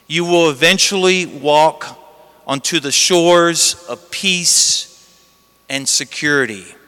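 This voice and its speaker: Long church reverb carries a slightly high, sharp, clean male voice. The priest reads from the gospel and then preaches emphatically, returning to the same phrases again and again in the cathedral-like space.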